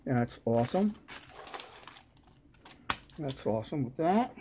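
A man with a New York accent talks slowly through an unboxing, with lots of hesitant fillers and a lozenge in his mouth. His voice is dark and mellow, and he speaks at an unhurried pace. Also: mid-range voice, slight background noise. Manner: slow, halting, many uh fillers, relaxed. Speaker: lock-picking channel host. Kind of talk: casual unboxing chat.

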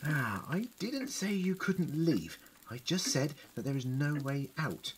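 An actor in an audio drama playing a clever, compassionate time-traveling Doctor who pleads urgently. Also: male voice, a little high, big pitch swings, unhurried, breathy edge, heavily acted. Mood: measured, wary. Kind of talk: fan audio drama acting.

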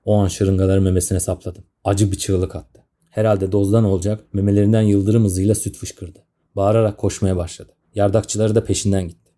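A man in his thirties tells a comic story in the first person, grumbling and sardonic. His voice is low and very dark and mellow. He rushes through his sentences at a fast clip. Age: 30s.

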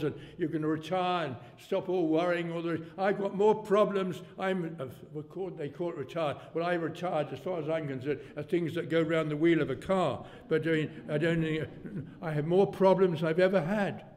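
A man's voice: on the high side, fairly even intonation, moderate pace, hardly any pauses, darkish tone. A man in his eighties preaching a sermon in a rambling, folksy way, his volume rising suddenly to make a point. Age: 80s. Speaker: pastor. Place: church hall. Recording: long church reverb.

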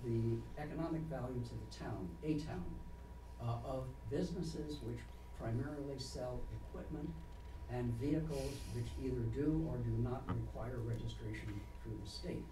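A soft-spoken man on a zoning board, speaking haltingly with many fillers at a public meeting. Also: mid-range voice. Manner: halting, deliberate, heavy with fillers. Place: town meeting room. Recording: echoey room, distant mic, noisy.

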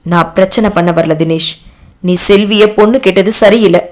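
A woman's voice: mid-range voice, moderate pace, a little mellow, natural voice. A woman voicing a young man who pleads in a raised, emotional voice. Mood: pleading. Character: young man pleading, then angry and defiant.

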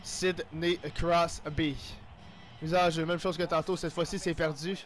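Excitable high-voiced Quebec French man. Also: measured pace, soft background music. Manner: excitable, loud outbursts, sprinkles English exclamations. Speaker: gaming YouTuber. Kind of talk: playful play-by-play commentary of his own hockey video game.

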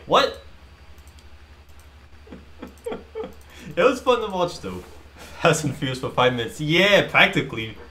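A man with a fairly high voice chatting as a gaming streamer. He rambles through a film retelling and keeps it loose and animated. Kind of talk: casual commentary while playing.

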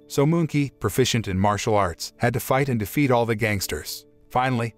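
A man narrating a scripted previously-on style recap of a drama series in a steady, expository storytelling manner. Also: mid-range voice.

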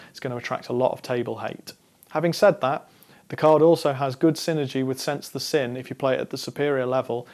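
A young man in his twenties presenting a scripted explainer on card game strategy, talking straight to camera in a measured, instructive way. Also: medium pitch, darkish tone. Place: studio against a dark backdrop.

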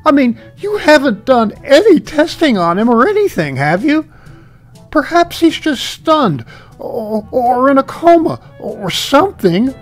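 A man voicing a distraught woman whose pet has died, in a high, wailing, protesting voice. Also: very animated, unhurried, faint music behind, full character voice.

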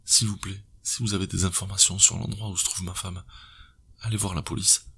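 A man voicing a husband who pleads tearfully for news of his missing wife, in a husky, gravelly voice. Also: low-pitched, monotone, normal speed, noisy background, voice pushed up. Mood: pleading. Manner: pleading, shaky.

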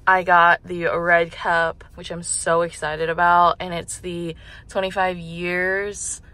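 A woman's voice: lowish voice, level tone, slow, pushed and bright, poor audio. A young woman in her twenties, chatting casually to a handheld camera in a daily vlog and saying "like" a lot. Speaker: vlogger. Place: car, gym, bedroom and kitchen. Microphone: camera held at arm's length.

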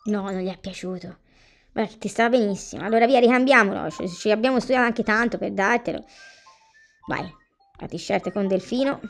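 A woman's voice: medium pitch, a little fast, vocal fry, slight background noise. A woman giving casual commentary on a life-sim game, chatting to viewers and to the game's characters. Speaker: gameplay commentator. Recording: faint background music.

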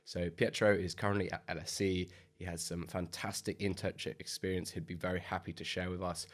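A man's voice: low-pitched, flat delivery, a little fast. A man hosting a podcast interview, with polished and upbeat introductions. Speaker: podcast host. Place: podcast studio. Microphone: boom mic on arm.

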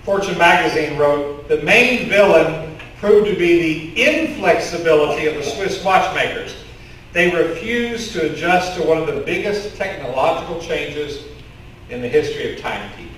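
With a slightly high, somewhat bright voice at normal speed, the middle-aged pastor, whose accent is from Kentucky, tells stories to his congregation in a conversational style, gesturing with his hands open. He preaches in front of a curtain in the sanctuary into a stand mic and a headset mic, recorded from the congregation. There's a little hiss or hum, and the echoey room leaves him sounding distant.

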